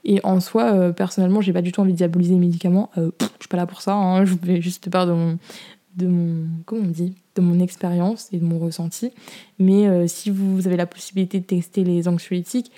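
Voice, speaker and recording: A woman's voice: fairly low pitch, little pitch movement, quick pace, mellow. A young woman hosting a podcast, chatting casually and candidly in slangy, informal speech as she shares personal advice. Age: young adult. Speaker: podcast host.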